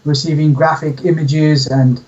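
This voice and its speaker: A man from the UK, telling his story as an interview guest in a relaxed way. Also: a little high, measured pace, distant mic, lo-fi sound. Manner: relaxed storytelling, says "yeah?". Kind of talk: casual interview.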